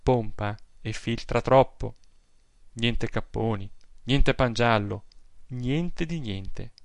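A man reading a literary story aloud in a measured, reflective manner. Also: medium pitch, creaky, no room sound. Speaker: audiobook narrator.

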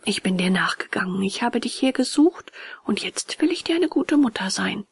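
A woman voicing a gentle, wise, motherly fairy in a storybook reading, slow and softly whispered. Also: medium pitch, expressive, creaky, husky, full character voice. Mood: tender. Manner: slow, soft, often whispered.

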